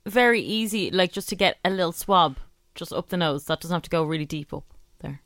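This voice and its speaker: A woman's voice: fairly low pitch, fairly quick, a bit bright, dry recording, clean studio sound. An Irish woman chatting casually as a radio co-host. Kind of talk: casual chat.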